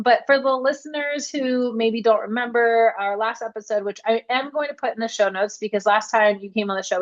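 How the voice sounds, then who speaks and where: A woman hosting an interview podcast, upbeat and chatty. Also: mid-range voice. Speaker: podcast host. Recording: dull lo-fi sound.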